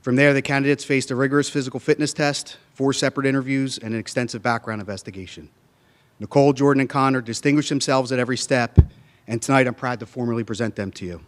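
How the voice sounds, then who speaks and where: A man delivers a formal, prepared ceremonial welcome speech in a measured public-address manner, speaking into a podium microphone in a meeting room. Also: medium pitch, steady tone. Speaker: police department official giving a welcome speech.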